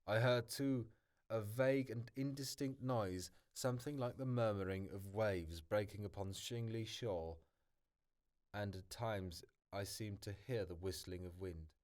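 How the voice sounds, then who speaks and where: A man's voice: lowish voice, measured pace, a little mellow. A man reading a novel aloud as a hobby, often stumbling and restarting words. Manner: stumbles, restarts and corrects words, remarks on the text. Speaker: hobby audiobook reader. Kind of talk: amateur audiobook reading.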